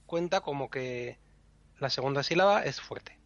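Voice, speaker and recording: A man's voice: medium pitch, moderate pace, fairly bright tone, no echo, dull audio. Methodical man explaining. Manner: patient, methodical, spells out syllables. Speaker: podcast co-host teaching Elvish pronunciation. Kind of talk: explanatory podcast lesson.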